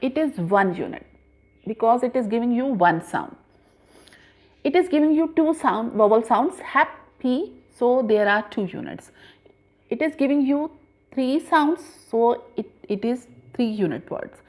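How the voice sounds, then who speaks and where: A woman teaching a grammar lesson patiently, spelling words out letter by letter with frequent pauses. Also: a little high, expressive, a little mellow. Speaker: English teacher.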